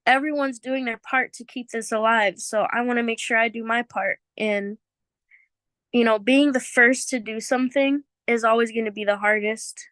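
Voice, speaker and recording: A woman with a fairly high voice, recorded close and dry, speaks from personal experience. Her first language is Chamorro, and her casual testimony is earnest and emotional. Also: steady tone, moderate pace, fairly bright tone, no echo.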